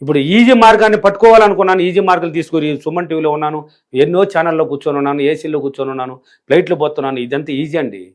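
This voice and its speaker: Very fast and fairly high in pitch, the voice belongs to a middle-aged man from rural India's villages. As a spiritual teacher in an interview, he answers with emphatic repetition that hammers every point home.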